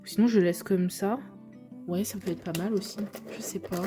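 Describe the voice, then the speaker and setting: A woman's voice: medium pitch, steady tone, moderate pace, dark tone, faint music behind. A young woman, chatting to viewers as she unboxes figures, gushing over how cute they are. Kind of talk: casual unboxing vlog.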